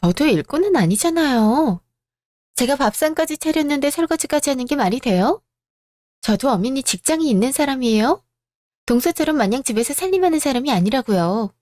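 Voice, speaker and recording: A self-important elder sister-in-law who insists on her rank in the family, played by a woman. She sounds high, whiny and indignant. The read is dry and close, radio-drama style. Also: animated, a little fast, a little mellow, no room sound.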